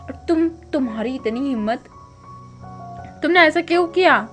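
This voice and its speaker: A woman's voice: high voice, animated, measured pace, a bit bright, faint music behind. A woman voicing an indignant young man who protests and sputters when teased, in a casual spoken retelling. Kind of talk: casual storytelling with voiced lines.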